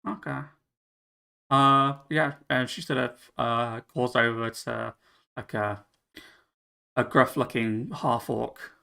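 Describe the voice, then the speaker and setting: A man narrating as game master of a tabletop game, halting with fillers and restarts. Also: medium pitch, fairly even intonation, vocal fry, pushed and bright, smooth.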